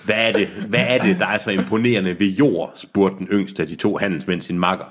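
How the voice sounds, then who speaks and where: A man with a low, husky voice reads a pulpy story aloud. He keeps stopping to poke fun at the prose and laughs at his own asides. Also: steady tone. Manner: laughing, mocking the text as he reads. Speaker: reader of a novel on a comedy podcast. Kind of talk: reading aloud with joking asides.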